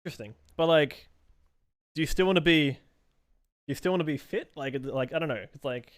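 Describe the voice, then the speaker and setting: A man's voice: a little high, brisk, no echo, studio quality. A young man live streaming while he draws, chatting loosely with viewers and reading out and answering their messages in a rambling way.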